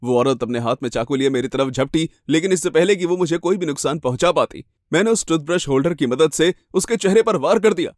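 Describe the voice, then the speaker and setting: A man's voice: fairly high pitch, expressive, fairly quick, hardly any pauses, no echo, studio quality. A man reading a first-person horror story with dramatic, suspenseful delivery.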